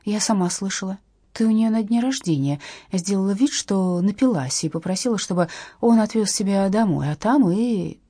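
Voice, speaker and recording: A woman's voice: mid-range voice, moderate pace, warm tone, breathy edge, dry recording. Plaintive Katya, read by a woman. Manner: plaintive, eager.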